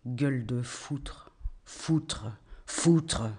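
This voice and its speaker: A man recites a bitter, crude text he wrote himself. He reads slowly and deliberately, with a cold, measured delivery. His voice sits at an ordinary male pitch. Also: a little mellow, slightly rough. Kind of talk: reading his own text aloud in a film scene.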